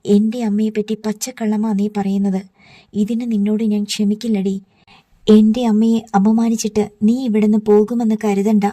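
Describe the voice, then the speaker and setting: A quick-tempered younger sister who snaps back with indignant retorts, as a woman narrator reads her lines. The voice stays level and dark-toned. The sound is dry and close-up. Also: mid-range voice, little pitch movement, dry recording, lightly acted. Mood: angry.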